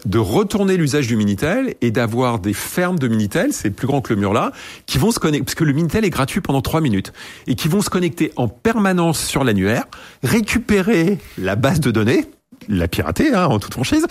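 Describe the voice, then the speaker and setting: A man being interviewed, telling his story in a rambling, animated way and acting out old conversations. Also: mid-range voice. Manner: animated, rambling with frequent restarts; acts out phone dialogues in voices. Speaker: entrepreneur guest.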